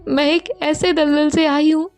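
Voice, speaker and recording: A woman voicing a tender young woman who soothes her lover in a soft, hushed, half-whispered voice. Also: high-pitched, level tone, a little slow, faint music behind, voice pushed up. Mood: earnest.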